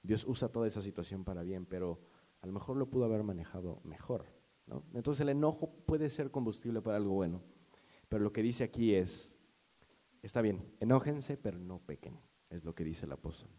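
A man's voice: fairly low pitch, expressive, fairly quick, mellow. A man preaching a sermon as a pastor, talking to the congregation in a conversational, storytelling way.

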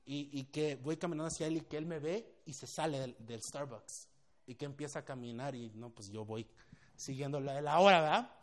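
A man's voice: medium pitch, moderate pace, a little hiss or hum. A young man with a Mexican accent, a pastor telling funny stories in a sermon and often dropping English slang. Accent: Mexican Spanish. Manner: animated, humorous, laughs often, mixes in English slang. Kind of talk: storytelling sermon.

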